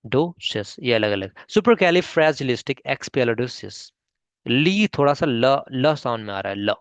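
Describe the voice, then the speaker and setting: A man's voice: mid-range voice, lively intonation, a little slow, clean tone, dry recording. A man with an Indian accent teaching spoken English online, breaking long words into syllables and checking in often with his students. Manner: patient, repeats "ठीक है?" often, spells words syllable by syllable.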